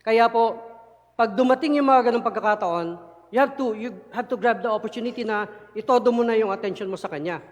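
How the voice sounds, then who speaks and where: High-voiced man preaching. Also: brisk, muffled recording. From Philippines. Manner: mixes Tagalog and English, asks listeners rhetorical "di ba?" often; animated, chuckles while explaining. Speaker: church elder preaching. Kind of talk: sermon. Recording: long reverb of a church hall.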